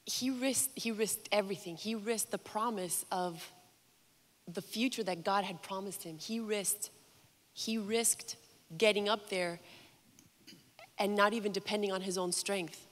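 A woman co-pastor answers a question in the middle of a sermon. She speaks in an earnest, measured way, at a mid pitch, and repeats words as she gathers her thoughts. Her voice echoes with a long reverb in the hall. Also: fairly even intonation, a bit bright. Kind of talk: sermon discussion.

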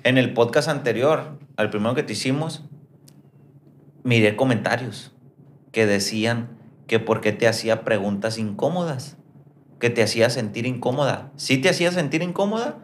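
A man's voice: mid-range voice, moderate pace, slight background noise. A man with a Sinaloa Mexican accent hosting a podcast, teasing his guest in crude slang. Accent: Sinaloa Mexican Spanish. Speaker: podcast host. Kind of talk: casual chat.

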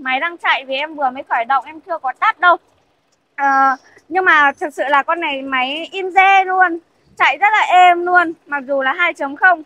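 Here a young woman with a very high-pitched, bright, forceful voice gives a casual sales walkthrough of a used car and its showroom. Chatty and repetitive, she keeps addressing her viewers as "các bác."

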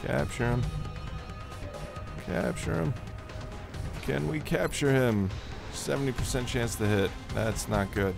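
A man's voice: mid-range voice, takes it slowly, vocal fry, pauses often. A man at a desk mic, chatting casually and laughing often as he plays a strategy game. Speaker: gaming channel host. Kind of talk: casual let's-play commentary. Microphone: desk mic on a stand. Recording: game music behind.

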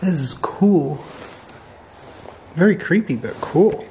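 Man, urban explorer vlog, excited remarks, mellow voice, faint hiss. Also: a little high, slow pace. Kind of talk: walkthrough vlog narration. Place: abandoned stone farmhouse, indoors.

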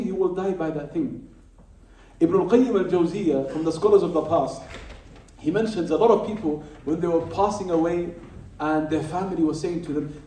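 A man's voice: high voice, mellow, a little hiss or hum. A man giving an Islamic lecture to a live audience, emphatic, repeating key phrases and asking rhetorical questions. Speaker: Islamic teacher. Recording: roomy hall, speaker far from the mic.

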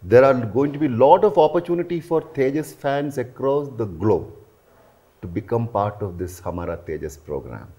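A man's voice: medium pitch, expressive, normal speed, dark tone, breathy edge. A man, hosting a promotional interview as a defense journalist, earnest with frequent "you know" fillers, recorded indoors in a living room. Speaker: host, aerospace and defense journalist.

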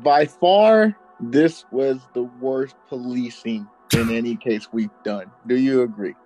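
A man co-hosting a true-crime podcast, reacting in a casual, incredulous and expressive way. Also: mid-range voice, slow pace, faint music behind, rough recording. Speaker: podcast co-host.

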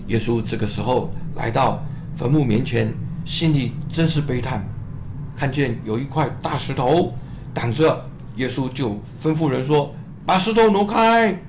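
A man narrating a Bible story for children in an animated, expressive way. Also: mid-range voice, unhurried, noisy background.

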